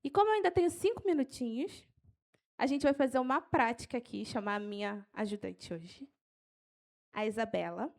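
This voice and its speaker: Woman, high voice, evangelist teaching a church training, lively and fervent. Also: creaky. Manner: animated, gets carried away, then slows down to dictate verses. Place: church hall.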